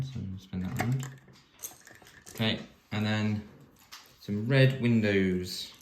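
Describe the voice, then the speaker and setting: A man's voice: fairly low pitch, a little hiss or hum. A man hosting a building video, chatting casually, counting pieces aloud and muttering to himself as he works. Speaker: host building vintage toy sets. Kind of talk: casual chat while building. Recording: echoey room.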